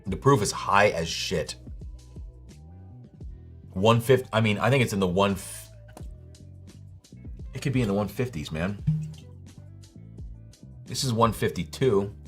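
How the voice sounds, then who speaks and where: A man's voice: fairly low pitch, a little slow, long pauses, faint music behind. A man hosting a live whiskey tasting stream, exclaiming, swearing freely and thinking aloud as he tastes.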